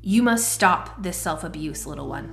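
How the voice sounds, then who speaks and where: A woman voicing a wise, stern female mentor in a storybook reading, speaking in a calm, firm, measured way. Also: low-pitched, gravelly, soft background music, voice pushed down, exaggerated voice.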